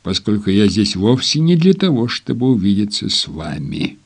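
A wry, determined young heroine from a storybook, read by a man in nearly his own voice. Her lines come out dry and clipped, with a quiet sarcastic edge. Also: on the low side, sing-song, moderate pace, gravelly, husky, full character voice. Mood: dry retort.

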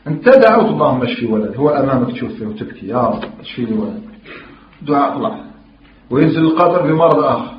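A man's voice: a little high, slight background noise. A man with an Algerian Arabic accent giving an emphatic religious lesson, quoting scripture and questioning his listeners. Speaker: religious teacher. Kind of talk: Islamic lesson in mixed Algerian dialect and classical Arabic. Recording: echoey, dull lo-fi room recording.

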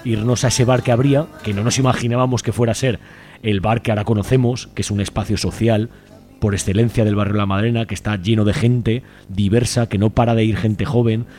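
A community library volunteer, appearing as an interview guest, chats spontaneously on the radio in a lowish, warm voice with a steady tone and a fairly quick pace. He's talkative and colloquial, often tacking on question tags to check for agreement, while soft music plays in the background.

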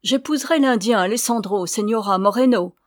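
A woman reading aloud voices a gentle young orphan who speaks up firmly and earnestly. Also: mid-range voice, expressive, normal speed, no room sound, clean studio sound, natural voice. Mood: defiant. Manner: firm, earnest.

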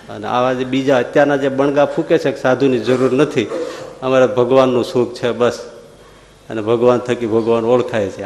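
Monk preaching in an echoing hall. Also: male voice, mid-range voice. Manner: folksy storyteller, rising to animated exclamations. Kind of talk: storytelling sermon. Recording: echoey long hall reverb.

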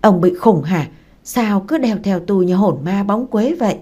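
A woman's voice: medium pitch, expressive, moderate pace, dark tone, husky. A woman voicing a fierce, defiant young wife who scolds sharply. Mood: angry.

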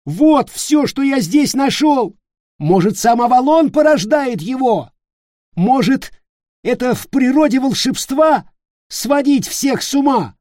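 Man doing a shouting, horrified young man. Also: very high voice, animated, slow, no echo, studio quality, pitched above the performer's own voice, heavily acted. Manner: shouting, sarcastic and accusing.

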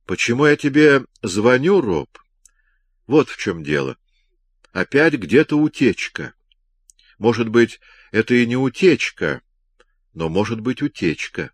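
A man's voice: mid-range voice, big pitch swings, no echo, voice pushed up. Man doing a sleepy, puzzled colleague. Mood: earnest. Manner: slow, confused, earnest. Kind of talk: audiobook character reading.

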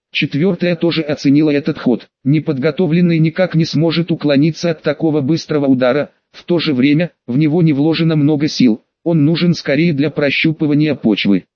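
A man narrating an audiobook in an even, steady reading voice. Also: on the high side, normal speed, hardly any pauses, dry recording. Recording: dry, dull lo-fi audio.

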